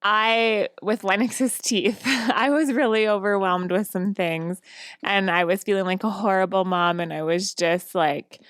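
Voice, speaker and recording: A woman's voice: medium pitch, steady tone, measured pace, a bit bright, clean tone, dry recording, studio quality. A woman co-hosting a podcast, talking in a casual, chatty way with lots of "like"s and easy laughter. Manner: chatty, many "like"s and frequent laughs. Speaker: podcast co-host.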